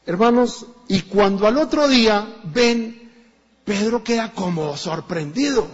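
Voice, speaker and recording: A man preaching a sermon in a church with a Colombian Spanish accent, animated and acting out the voices of people in his stories. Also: sits high, measured pace, breathy edge. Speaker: pastor. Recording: dull echoey church recording.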